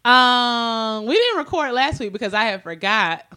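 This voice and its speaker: Congested, slightly raspy woman co-host. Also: on the high side, lively intonation, a little slow, bright, forceful tone. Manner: blunt, teasing, cursing casually. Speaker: podcast co-host. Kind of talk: casual podcast chat.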